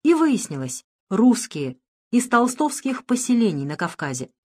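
A woman reading an audiobook in a measured, even scripted narration. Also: fairly high pitch.

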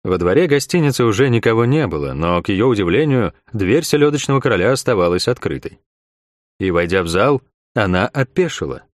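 A man narrating a fantasy audiobook in an expressive storytelling manner. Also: on the low side, fairly quick, dry recording.

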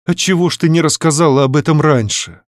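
A man reading an audiobook, voicing a doting aristocratic father who speaks gently to his daughter. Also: fairly high pitch, fast talker, no room sound, studio quality, voice pushed up, natural voice. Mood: tender. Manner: haughty at first, then gentle and soothing.

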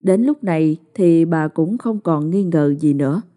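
Low-voiced woman narrating a ghost story. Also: dark tone. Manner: slow, ominous storytelling. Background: faint music.

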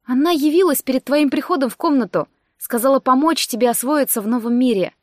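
A woman reading an audiobook, voicing a cheerful female ghost who guards an academy, lively and reassuring. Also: sits high, fairly quick, dry recording, studio quality. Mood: explaining. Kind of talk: audiobook character voice.

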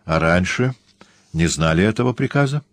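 Cool shrewd Jesuit priest, measured, probing, voiced by a man, deep, dry. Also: animated, dry recording. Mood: calm.

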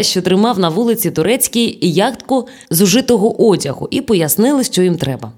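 Expressive woman audiobook narrator. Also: on the low side. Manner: lively, storytelling delivery.

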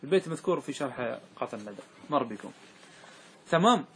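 A man's voice: mid-range voice, lively intonation, quick pace, a bit bright, slight background noise. A man teaching a grammar class, quizzing his students and repeating their answers.

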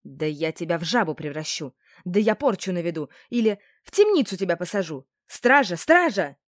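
A woman voicing a scheming old female herb seller who wails loudly and indignantly, in an audiobook. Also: fairly low pitch, big pitch swings, fairly quick, dry recording, clean studio sound. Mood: shrill wailing. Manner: loud, wailing and indignant.

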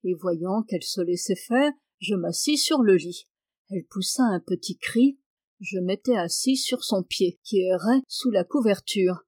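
A woman reads a classic novel aloud in a measured, expressive way, pitched in the middle range. The sound is dry and close, with no room around her voice. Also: no echo. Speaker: audiobook reader. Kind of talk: literary audiobook narration.

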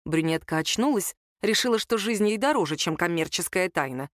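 A woman narrating an audiobook in an expressive storytelling manner. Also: on the low side, fairly quick, no echo, clean studio sound. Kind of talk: scripted narration.

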